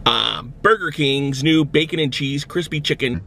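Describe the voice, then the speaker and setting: A man hosting his own food review vlog in an exaggerated, drawn-out showman delivery. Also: fairly high pitch, creaky, bright, forceful tone, a little hiss or hum.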